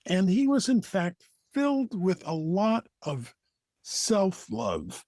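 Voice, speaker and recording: A man with an American accent, telling a folktale as a storyteller, deliberate, with dramatic pauses. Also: high-pitched, huge pitch swings, a little mellow, dry recording, studio quality. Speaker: storyteller, co-host.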